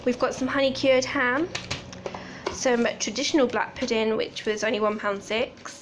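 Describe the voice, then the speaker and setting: A young woman from the UK talks through her shopping in an easy, chatty way, moving from item to item with little asides. Her voice sits a touch high. A faint hiss runs under the phone recording in a home kitchen. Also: steady tone. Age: 20s. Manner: chatty, unhurried, listing items with small asides. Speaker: vlogger. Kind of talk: casual grocery haul chat.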